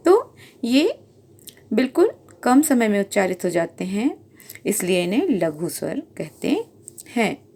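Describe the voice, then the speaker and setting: A woman's voice: on the high side, a little mellow. A woman teacher giving a grammar lesson, explaining patiently, repeating points and drawing out example sounds.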